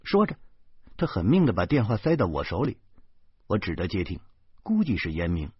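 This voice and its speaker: A man's voice: sits low, huge pitch swings, moderate pace, husky, no echo. A man reading a first-person novel aloud with dramatic, sarcastic storytelling. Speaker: audiobook narrator. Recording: dull lo-fi, dry sound.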